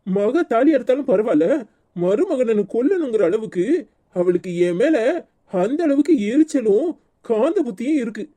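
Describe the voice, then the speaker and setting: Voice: mid-range voice, big pitch swings, normal speed, warm tone. Someone voicing an earnest young husband. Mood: indignant. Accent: Tirunelveli Tamil. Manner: soothing, earnest, indignant at the mother-in-law. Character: troubled young husband, gentle and devoted son-in-law. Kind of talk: cartoon serial dialogue.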